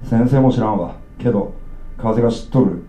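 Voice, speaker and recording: A man with an Okayama accent voicing a gruff, drunk middle-aged uncle who rants bluntly at a child in rough dialect. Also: fairly low pitch, moderate pace, dark tone, echoey room, lightly acted, poor audio. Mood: rambling.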